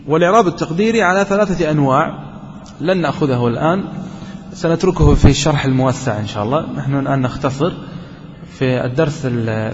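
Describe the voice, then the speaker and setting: A man's voice: a little high, big-room sound, dull audio, slight background noise. A man teaching a grammar lesson to a class, asking questions and answering them himself and repeating key points. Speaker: sheikh teaching Arabic grammar.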